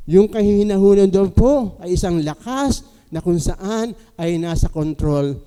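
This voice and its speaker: A man preaches a sermon, his voice high yet resonant and warm. He keeps drawing the congregation in with polite questions, and a long church hall reverb trails behind every phrase. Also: a little slow, clear, resonant tone. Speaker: pastor. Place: church sanctuary.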